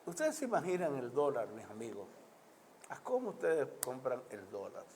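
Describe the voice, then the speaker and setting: Speaking in a mid-range, darkish voice with huge pitch swings at a moderate pace, a Dominican man addresses his audience with political and social commentary. His Caribbean Spanish-accented delivery is emphatic and oratorical, built on repeated lists and rhetorical questions, over a little hiss or hum.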